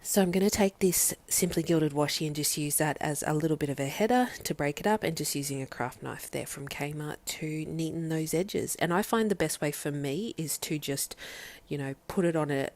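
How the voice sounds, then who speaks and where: A woman's voice: sits low, moderate pace, a little mellow. A young, heavily pregnant woman, slightly out of breath, casually narrating a craft tutorial as a vlogger. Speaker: planner vlogger.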